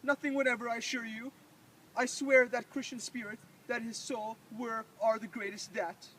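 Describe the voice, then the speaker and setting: A woman's voice: on the high side, little pitch movement, normal speed, fairly bright tone, recorded from a distance, a little hiss or hum, lightly acted, low-quality recording. A young student voicing Cyrano, a proud and anguished male poet-soldier, in an earnest, declamatory school play reading. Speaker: student actor.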